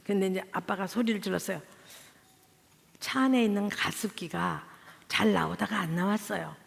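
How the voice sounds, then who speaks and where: A woman's voice: mid-range voice, normal speed, creaky. A middle-aged woman, a family therapy professor, giving a humorous sermon and acting out her family's arguments. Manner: lively storytelling, mimics family members' voices. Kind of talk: humorous sermon with acted anecdotes. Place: large church hall. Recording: long hall reverb.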